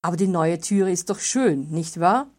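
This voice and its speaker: A woman's voice: lowish voice, lively intonation, normal speed, a little mellow. A woman voicing a hesitant, defensive village blacksmith in a read-aloud fairy tale. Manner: hesitant, justifying himself.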